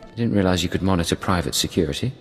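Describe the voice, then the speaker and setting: An actor playing a composed male Imperial secret agent with a measured, formal manner. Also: sits low, husky, faint music behind. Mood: dry, businesslike.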